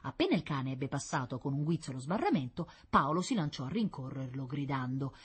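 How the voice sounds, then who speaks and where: A woman reading a children's story aloud as narrator, steady and storytelling. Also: rumbling low, brisk, breathy edge. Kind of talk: audiobook narration.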